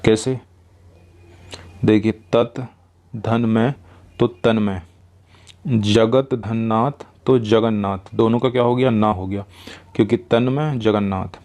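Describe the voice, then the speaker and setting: A man teaching a grammar lesson, working through examples and repeating each rule slowly. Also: fairly low pitch, fairly even intonation, a little mellow.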